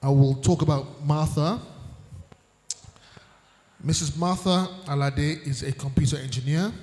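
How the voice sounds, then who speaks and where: A man moderating a conference panel, reading the panelists' bios aloud in a measured way with dry asides. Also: fairly high pitch, a little mellow. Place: large conference hall. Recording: echoey hall with long reverb.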